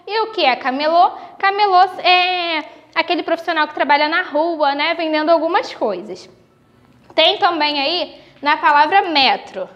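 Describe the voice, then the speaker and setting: High-voiced Brazilian teacher, slow and clear. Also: female voice, muffled recording. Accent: Brazilian Portuguese. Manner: slow, explanatory, stretches example words. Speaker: primary school teacher. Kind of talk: recorded video lesson for young children.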